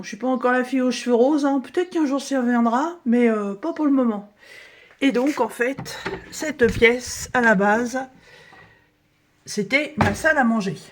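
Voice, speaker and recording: A middle-aged woman giving a casual tour of her craft room at home, talking in a chatty, halting way with many fillers, her voice slightly hoarse. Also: on the high side. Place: dining room at home, indoors.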